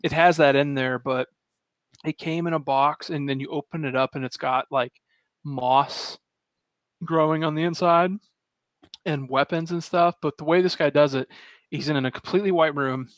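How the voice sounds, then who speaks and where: Man, podcast co-host, casual chat, higher pitch, rambling, laughs a lot. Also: steady tone, moderate pace, no echo. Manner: rambling, laughs often, trails off mid-thought.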